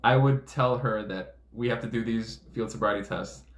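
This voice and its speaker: A man's voice: on the low side, normal speed. A man speaking as a veteran police officer, giving casual explanatory commentary in a blunt, profane way. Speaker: police officer breaking down a DUI arrest video. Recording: roomy echo, faint background noise.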